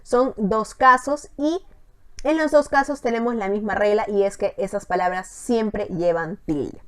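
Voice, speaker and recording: A woman teacher explaining spelling rules step by step in an online lesson, often pausing to check with a quick "ok?". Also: mid-range voice, fairly bright tone.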